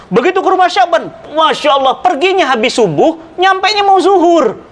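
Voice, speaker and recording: A middle-aged man preaching in conversation, telling religious stories with dramatic swings in pitch and loudness and speaking straight to his listener. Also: lively intonation, moderate pace. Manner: addresses listener directly, persuasive. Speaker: Islamic preacher. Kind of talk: animated religious storytelling in conversation.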